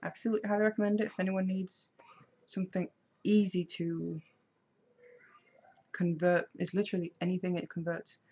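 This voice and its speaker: A woman's voice: on the low side, level tone, moderate pace, long pauses, warm tone. A woman, chatting casually on a craft live stream and answering viewer comments. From Denmark. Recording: slightly dull lo-fi sound.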